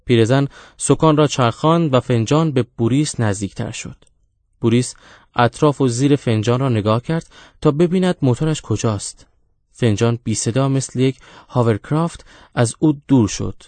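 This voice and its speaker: A man narrating a storybook in a steady, measured reading. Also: medium pitch, dry recording. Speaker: audiobook narrator.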